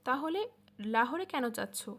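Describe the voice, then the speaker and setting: A woman's voice: high-pitched, lively intonation, normal speed. A woman voicing a brooding young man who asks blunt, probing questions.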